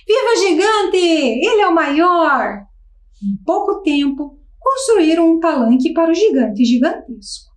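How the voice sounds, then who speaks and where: Lively woman reading a storybook. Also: very high voice, unhurried, reverberant. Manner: animated, switching voices for characters. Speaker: teacher reading a story aloud.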